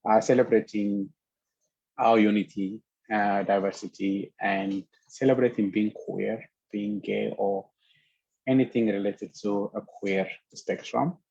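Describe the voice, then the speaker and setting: A young man from Ethiopia, a guest on a video call panel, speaking earnestly and haltingly with frequent pauses. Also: fairly low pitch, creaky, darkish tone, no room sound, muffled recording. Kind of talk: casual panel talk over video call.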